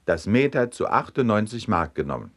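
A man voicing a talkative, boastful young lady with bright, eager questions. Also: on the low side, sing-song, fairly quick.

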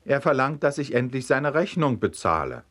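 A man's voice: mid-range voice, big pitch swings, moderate pace, a bit bright, voice pushed up. A man voicing a glum, put-upon man.

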